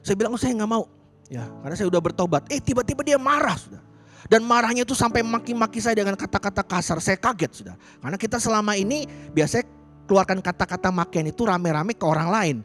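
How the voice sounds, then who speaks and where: A man's voice: high voice, fast talker, soft background music. A male pastor preaching a sermon, telling personal stories and constantly addressing his listeners directly. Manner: lively storytelling, addresses listeners as "saudara" constantly. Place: church worship service streamed online.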